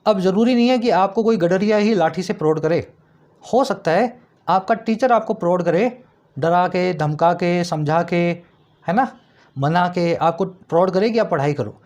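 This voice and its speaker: Male English tutor, higher pitch, patient explainer who checks understanding. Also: darkish tone. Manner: explanatory, asks students rhetorical checks, reads example sentences slowly. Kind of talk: vocabulary lesson explaining words.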